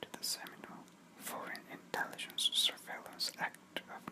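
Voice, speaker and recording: A person reading a news article aloud entirely in a breathy, unvoiced whisper, in an ASMR style. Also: moderate pace. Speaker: reader.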